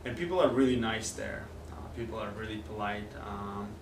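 A young Kazakh man, a native speaker with a Kazakh accent, gives a video lesson as a language teacher in an indoor classroom with a whiteboard. His fairly low voice is a little fast and has vocal fry, and his casual, hesitant delivery is full of fillers and restarts. A far-off camera mic picks up a noisy, echoey room.

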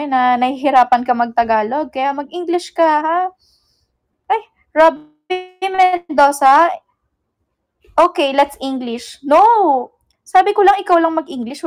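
A woman's voice: sits high, a little mellow. A young woman from the Philippines hosting an idol livestream, chatting casually with viewers, teasing them playfully and mixing in English, laughing often.

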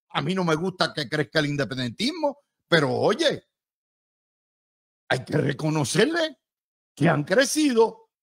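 Puerto Rican male pundit, high voice, punchy and sarcastic analysis. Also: a bit bright. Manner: emphatic, combative, sarcastic. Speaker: political analyst. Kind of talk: political commentary.

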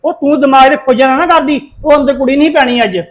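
A man's voice: very high voice, fairly even intonation, fast talker. A middle-aged man acting as a stern, suspicious husband and son who scolds his wife in a family drama. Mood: accusing. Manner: accusing, scolding.

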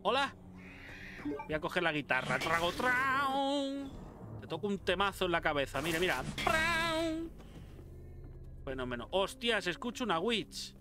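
A man from Spain talking through a zombie game, excitable and cursing freely as he jokes about what he finds. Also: fairly high pitch, fast talker, music in the background. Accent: Spain Spanish. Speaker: gameplay commentator. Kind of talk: casual let's-play commentary.

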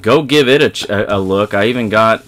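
Low-voiced guy narrating his survival game run, rambly, keeps restarting sentences. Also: a little fast, fairly bright tone. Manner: rambling, self-correcting, talks to viewers while playing. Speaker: let's play host. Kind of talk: casual gameplay commentary.

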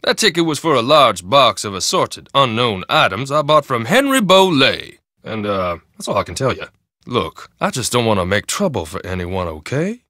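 A man acts as a folksy, talkative shop owner in a video game, a friendly hustler with easy salesman patter and a chatty mood. His medium-pitched voice is sing-song, bright and forceful at a normal speed. The recording is clean studio sound with no room sound.

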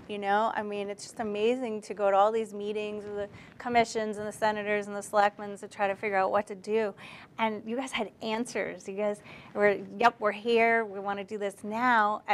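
A woman's voice: medium pitch, slight background noise. A woman, hosting an interview in an informal, chatty way. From Cape Cod, Massachusetts. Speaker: talk show host. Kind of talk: conversational interviewing. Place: indoor studio set lined with bookshelves.

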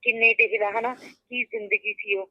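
A woman's voice: a little high, steady tone, normal speed, no echo, close to an everyday voice. A woman playing a married friend who comforts her old college friend over a phone call, with an emphatic, reassuring manner. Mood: consoling. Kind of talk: web drama acting.

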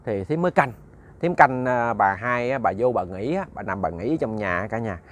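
A man's voice: mid-range voice, lively intonation, moderate pace. A man narrating a ghost story conversationally, often repeating words and talking to his listeners.

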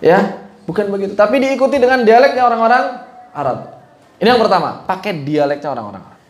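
Speaking quickly and expressively, a man who teaches Quran recitation leads an informal class, asking his listeners frequent questions. His pitch is high and the space echoes noticeably. He alternates between casual talk, careful explanations, and chanted Arabic.

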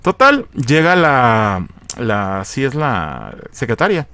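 A man giving a slangy, animated recap of a TV episode, acting out the lines in different voices. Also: mid-range voice, slow pace, clean tone. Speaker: video reviewer.

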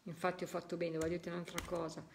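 A woman's voice: on the low side, completely flat delivery, quick pace, gravelly, a little hiss or hum. A woman hosting a live spiritualist session, talking straight to her viewers, coaxing them to listen and exclaiming her delight again and again, physically tired. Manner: effusive, exclaims delight repeatedly; coaxing, addresses listeners directly. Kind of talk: live-stream commentary to viewers.

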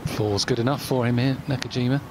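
A man's voice: medium pitch, fairly even intonation, fast talker. A man giving conversational live golf commentary, often turning remarks into tag questions. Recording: noisy outdoor broadcast ambience.

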